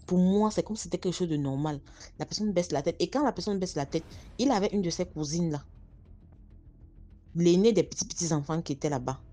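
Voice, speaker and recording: A woman's voice: on the low side, a little fast, dark tone. A woman telling her own story casually, speaking straight to her listeners and painting vivid pictures. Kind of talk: casual first-person storytelling.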